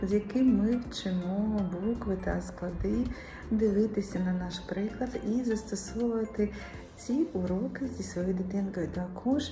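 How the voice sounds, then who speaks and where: A woman's voice: mid-range voice, moderate pace, over music. A woman tutor teaching a child to read, patiently coaxing and drawing out each sound. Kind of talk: live reading lesson with a child.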